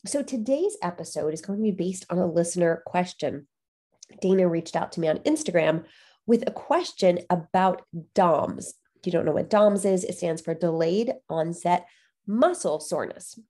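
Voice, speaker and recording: Nasal, congested woman podcast host with mellow tone. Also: fairly low pitch, moderate pace. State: has a cold. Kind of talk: solo fitness podcast talk, conversational explanation.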